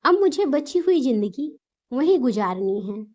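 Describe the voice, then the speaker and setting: A woman's voice: high voice, very animated, measured pace, highs cut off, exaggerated voice. A woman voicing a scolding, stubborn old mother-in-law. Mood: angry, stubborn. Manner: sharp, scolding, insistent. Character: angry stubborn older Indian mother-in-law.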